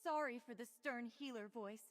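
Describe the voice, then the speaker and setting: A woman's voice: a little high, normal speed, natural voice. An actress playing a stern, frustrated woman healer in a video game, speaking earnestly and formally. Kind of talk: scripted video game character dialogue. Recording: music behind the voice.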